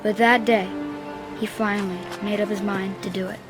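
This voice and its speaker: A woman's voice: medium pitch, flat delivery, moderate pace, loud music behind the voice, lightly acted. A woman playing a solemn, earnest young boy who narrates memories of his twin brother in a video game. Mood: earnest, remembering. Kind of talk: scripted game narration, reading a memoir.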